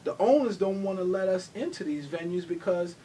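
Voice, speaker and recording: A man's voice: expressive, brisk, warm tone. A man from New hosting a casual talk show, speaking in laid-back slang and saying "you know what I mean" a lot. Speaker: show host. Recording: distant mic with faint rumble.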